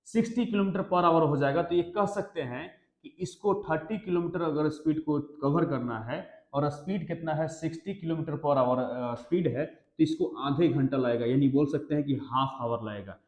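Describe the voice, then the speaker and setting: A man's voice: a little high, moderate pace, few pauses, darkish tone. A male maths teacher giving an exam-prep lesson, explaining step by step and often checking if the class understands. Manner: explains step by step, keeps asking the class questions. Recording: echoey room.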